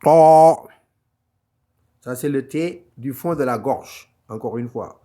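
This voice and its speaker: A man teaching at an unhurried, deliberate pace, with a voice of ordinary pitch. He is patient and encouraging, repeating each sound several times as he walks through a step-by-step online lesson. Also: animated. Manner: encouraging, gently reassuring. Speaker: Quran recitation teacher.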